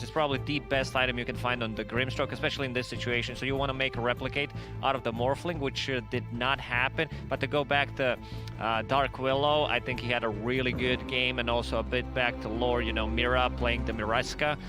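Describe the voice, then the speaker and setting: A man on an esports panel giving relaxed analysis, loose and sprinkled with "you know". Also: mid-range voice, brisk, over music.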